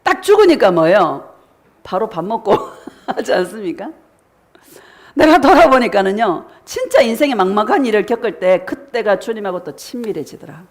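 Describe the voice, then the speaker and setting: A woman's voice: mid-range voice, big pitch swings, moderate pace. A middle-aged woman pastor giving a sermon, asking the congregation questions and answering them herself, sometimes acting out what believers say. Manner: preaching with rhetorical questions and call-and-response; acts out voices of congregants in quoted prayers.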